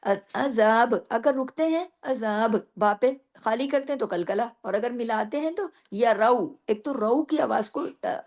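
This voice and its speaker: A middle-aged woman teaching tajweed. She explains each rule patiently and recites the verses slowly, drawing the sounds out. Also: on the high side, gravelly. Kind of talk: tajweed lesson.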